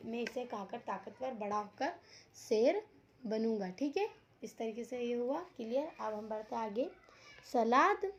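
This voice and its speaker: A woman teaching young children in a slow, deliberate way, repeating each word and asking questions as she goes. Her voice sits a little high. The recording is dull and lo-fi. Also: darkish tone. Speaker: school teacher. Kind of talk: online Hindi lesson for young children.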